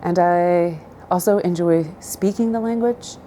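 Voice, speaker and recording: This interviewee is a middle-aged southern Idaho woman whose mother tongue is Spanish. She replies with care and frequent pauses in a warm voice on the low side, with slight background noise in the recording.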